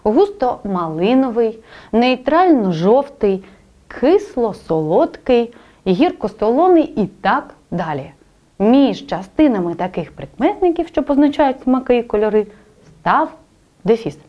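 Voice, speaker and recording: A woman teaching a spelling lesson, explaining rules clearly and speaking directly to the student. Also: a little high, sing-song, a little slow, highs cut off.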